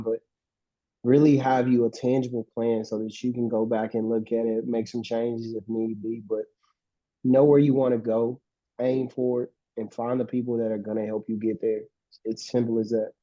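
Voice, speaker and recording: A man's voice: medium pitch, mellow, no echo. A man speaking as a guest to students, giving motivational advice in an earnest way that repeats his urgings. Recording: dull, dry, muffled mic.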